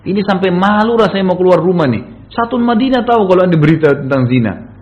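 A man's voice: sits high, animated, fast, muffled recording, voice pushed up. A man putting on a young woman pleading in tears. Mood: distressed. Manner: tearful, insistent protest.

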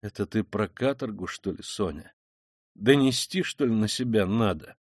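A tormented, feverish young man, proud and brooding, who lurches from fierce outbursts to low mutters, as a male reader voices him. The storybook reading is dry and close-miked, in a mid-pitched voice. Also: animated, moderate pace, dry recording. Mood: gloomy. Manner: intense, brooding, swings between outbursts and mutters. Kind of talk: dramatic audiobook reading.

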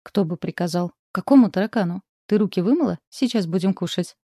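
A woman's voice: lowish voice, brisk, warm tone, no echo, clean studio sound. A woman reading aloud, voicing a bewildered young mother who brushes off her child's fears. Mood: brisk.

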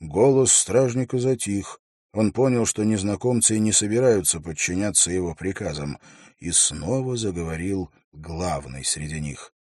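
A man reading an audiobook in a measured, steady storytelling voice. His tone is deep and husky, recorded dry and close to the mic. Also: dry recording. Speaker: audiobook narrator. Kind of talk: scripted audiobook narration.

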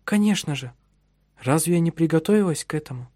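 A man's voice: animated, fairly quick, darkish tone, dry recording, clean studio sound, close to an everyday voice. A male narrator voicing a prim, frightened young French wife in a raised, pleading voice. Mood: meek. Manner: high pleading voice rising to shrill cries.

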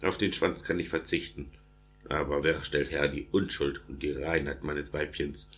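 A man's voice: very deep voice, fairly even intonation, moderate pace, fairly bright tone. A man voicing a wronged, self-pitying male wolf in a storybook, speaking in rhythmic verse.

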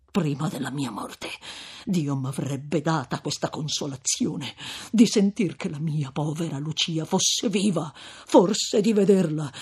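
A man voicing a stern, fervent old friar in an audiobook reading of a classic novel, thundering rebukes and dropping to grave, hushed pleas. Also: on the high side, slightly rough, heavily acted. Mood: stern rebuking.

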